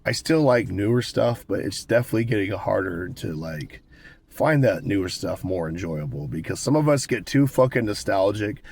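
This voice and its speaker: An American man in his twenties with a cold and a raspy smoker's voice, chatting casually and candidly to viewers with plenty of swearing. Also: fairly low pitch, animated, normal speed, darkish tone, a little hiss or hum. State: hoarse with a cold, smoker's rasp. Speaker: vlogger. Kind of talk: casual rambling talk to viewers.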